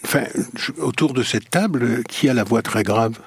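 A man, a dubbing actor, talking as a guest in a casual interview, animated but often restarting his sentences. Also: medium pitch, normal speed, slightly rough, dry recording. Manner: hesitant, many repeated starts, animated storytelling.

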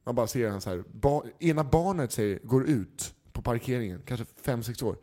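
A man in casual chat, telling a story and acting out the people in it with changing voices. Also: medium pitch. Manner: animated anecdote teller, acts out quoted people.

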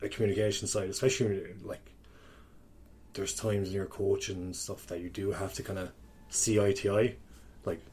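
A man's voice: low voice, flat delivery, brisk, darkish tone, slight background noise. A thirty-year-old man with a strong Kerry accent from the west of Ireland, chatting candidly and ramblingly as a coach on a podcast. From County Kerry, Ireland. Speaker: podcast guest, sports coach. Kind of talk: casual podcast conversation.

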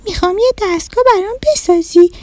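Whiny, tearful little rabbit pupil. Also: female voice, very high voice, a little mellow, no room sound, pitched above the performer's own voice. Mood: pleading. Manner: whiny, pleading. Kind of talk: storybook narration.

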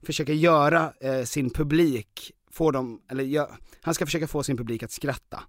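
This male podcast host has a slightly high voice and explains things casually, lecturing his way through categories with the occasional filler. The recording is close and dry, free of room echo.

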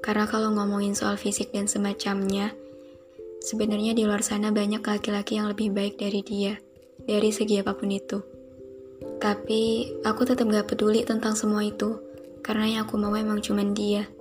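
A young woman hosting a podcast, speaking a slow, soft and heartfelt reflective monologue. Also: mid-range voice, monotone. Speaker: podcast host. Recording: music playing behind the voice.

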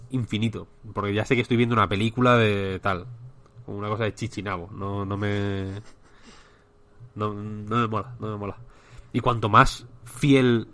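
A man's voice: fairly low pitch, a bit bright. A man with a Spanish accent, co-hosting a casual chat and rambling with many restarts. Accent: Spain. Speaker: podcast co-host.

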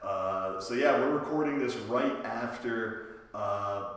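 A hoarse man hosting a casual sports podcast, recorded in a home basement with heavy echo. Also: on the low side, slow, fairly bright tone. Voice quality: worn-out voice from a night of cheering. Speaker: podcast host. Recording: very echoey basement with reverb.

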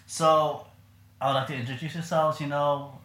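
A man's voice: fairly high pitch, little pitch movement, normal speed, a bit bright. A young man hosting a podcast, talking casually in a rambling way with lots of fillers and laughs. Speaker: podcast host. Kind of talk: casual chat. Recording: echoey room.

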